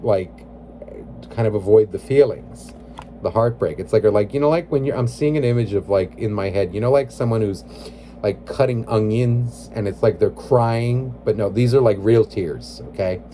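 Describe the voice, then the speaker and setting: A man talks through a tarot reading in a low, dark-toned voice. He rambles, leaning on "like" and "you know", and speaks bluntly and with feeling. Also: moderate pace, slight background noise. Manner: emotionally invested, blunt. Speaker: tarot reader.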